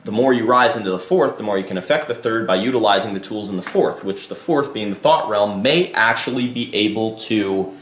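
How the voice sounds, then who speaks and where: This life coach and vlogger talks to camera briskly, with few pauses, in a lowish, fairly bright voice that echoes in a reverberant room. His casual musing wanders, breaking off and restarting, with swearing sprinkled in.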